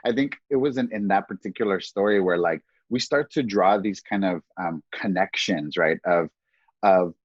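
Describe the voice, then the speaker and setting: A man's voice: on the low side, breathy edge, no echo. A man around thirty talking casually and campily on a podcast, with lots of "like" between his thoughts. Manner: campy, chatty, heavy use of "like". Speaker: podcast co-speaker. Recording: dull lo-fi dry recording.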